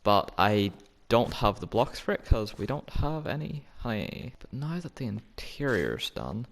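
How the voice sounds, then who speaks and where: Gravelly-voiced man rambling over gameplay. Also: lowish voice, big pitch swings, a little slow. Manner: rambling, self-talking, playful. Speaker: Minecraft gameplay commentator. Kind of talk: casual gameplay commentary.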